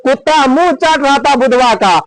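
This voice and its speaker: A man's voice: very high-pitched, expressive, normal speed, no room sound, low-quality recording. A man telling and explaining a textbook story, asking and answering his own questions again and again.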